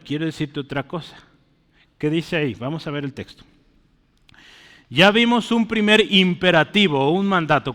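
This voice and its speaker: Preacher guy giving a sermon, kinda high voice, slow teaching style, keeps asking his listeners if they follow, long echo. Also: sharp tone. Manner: explains slowly, writing words on a board; asks "¿verdad?" and "¿sí?" often. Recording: long hall reverb.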